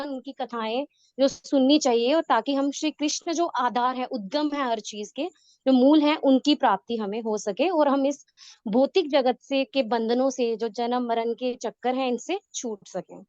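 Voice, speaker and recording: A woman explains a scripture verse in a halting way, stopping and restarting often. Her voice is high, and the recording sounds dry and a little muffled. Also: a little mellow, no echo. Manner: hesitant, many restarts. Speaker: class participant.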